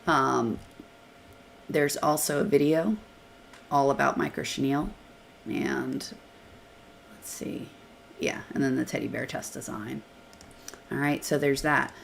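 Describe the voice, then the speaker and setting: A woman with a hoarse voice from being sick hosts a live software demo and answers questions, talking casually as she clicks through screens. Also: a bass voice, fairly even intonation, measured pace, long pauses, a little hiss or hum. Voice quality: gravelly, hoarse. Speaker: software trainer hosting a live Q&A.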